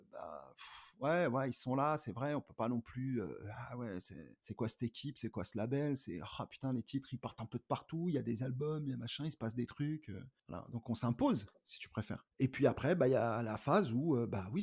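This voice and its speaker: A middle-aged man, a rap artist, telling stories in a casual interview, animated and acting out the people he quotes. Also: mid-range voice, slightly rough. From France. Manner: animated, acts out quoted dialogue, frequent fillers.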